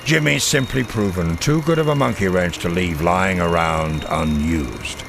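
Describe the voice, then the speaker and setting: Over music, a male actor with a deep voice plays a middle-aged American intelligence colonel of the Second World War giving officers a scripted mission briefing in a game cutscene. The mood is reflective and warm, though the dramatic delivery remains formal, authoritative, measured and crisp, with weighty pauses.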